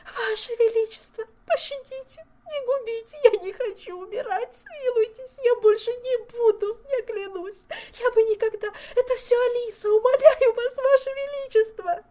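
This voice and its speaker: A woman voicing a young noble mistress who sobs and begs hysterically, wailing in high cries. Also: moderate pace, hardly any pauses, dark tone. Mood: sobbing, begging.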